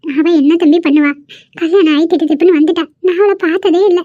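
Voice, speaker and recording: A woman's voice: very high voice, fast talker, dark tone, no echo. A woman voicing a tearful elderly grandmother in a cartoon, pleading and worried. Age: older. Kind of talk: cartoon voice acting. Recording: muffled lo-fi recording.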